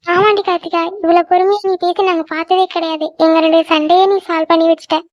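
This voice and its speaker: A woman voicing a young cartoon girlfriend who pleads softly and is quick to apologize. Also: extremely high pitch, flat delivery, no room sound. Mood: teasing. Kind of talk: cartoon voice acting. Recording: dull lo-fi dry recording.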